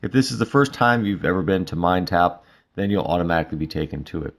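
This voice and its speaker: A male instructor giving a relaxed, casual walkthrough of a mobile study app, with frequent fillers. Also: sits low, fast talker. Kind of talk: screen-recorded app tutorial.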